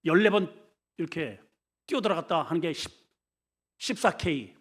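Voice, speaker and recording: A middle-aged man, a senior pastor, preaching an animated sermon and having the congregation repeat lines after him. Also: on the high side, normal speed. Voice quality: mock shouts for comic voices. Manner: animated storytelling, leads the congregation in call-and-repeat.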